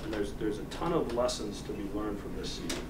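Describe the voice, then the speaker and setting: American coach's pep speech, echoey and distant. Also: male voice, lowish voice, lively intonation. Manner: earnest, deliberate, with pauses for emphasis. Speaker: college sports team coach. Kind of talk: postgame locker room pep speech to players. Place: locker room, heard from a distance. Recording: echoey distant room recording with loud noise.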